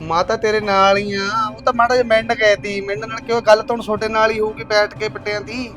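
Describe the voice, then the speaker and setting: A young man playing an easygoing younger son who tries to calm his angry mother. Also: high-pitched, fast talker, over music, natural voice. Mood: placating. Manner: placating, casual, brushing things off. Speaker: younger son in a family drama. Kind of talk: village web-series acting.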